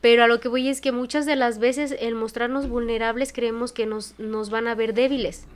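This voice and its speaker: A Mexican-accented woman chats on a podcast as its psychologist. She talks frankly and with feeling, drops swear words easily, and sits a little high in pitch. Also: moderate pace. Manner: frank and expressive, swears freely. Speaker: psychologist co-host. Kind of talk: casual podcast chat.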